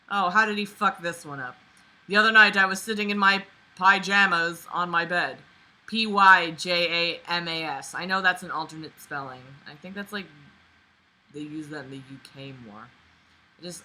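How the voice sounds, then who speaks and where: A young woman with a sharp, mid-range voice casually reads a book aloud as an online book reader and commentator. She adds sarcastic, exasperated running commentary with swearing, and the recording is rough.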